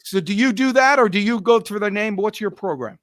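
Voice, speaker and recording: Chatty high-voiced male host. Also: animated, a little fast, a bit bright, dry recording, studio quality. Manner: chatty, encouraging, asks questions. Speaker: podcast host. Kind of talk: casual interview talk.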